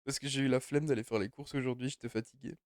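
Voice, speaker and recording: A man's voice: medium pitch, steady tone, fast, darkish tone, dry recording, studio quality. A young man streaming a game from home, chatting loosely and rambling as he answers his chat. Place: home room.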